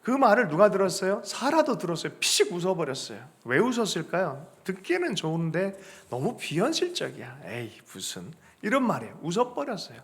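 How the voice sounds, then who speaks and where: A male pastor preaching a Sunday sermon to his congregation, acting out quoted lines, asking the congregation to answer back, and building up to loud, emphatic high points. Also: big pitch swings, fairly quick, creaky, few pauses. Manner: chuckles and calls on the congregation to respond. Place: church sanctuary with congregation.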